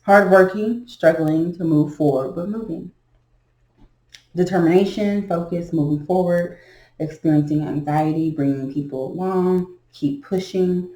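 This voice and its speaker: A woman gives a casual tarot reading, thinking aloud in a slow, halting way. Her voice sits low and sounds mellow. The room is echoey, with a faint noise underneath. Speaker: tarot reader.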